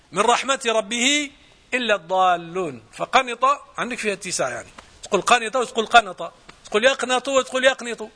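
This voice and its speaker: High, bright Moroccan man teaching. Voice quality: slows into measured recitation for verses. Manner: explanatory, repeats and restarts phrases. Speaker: Quran teacher. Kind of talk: Quran exegesis lesson.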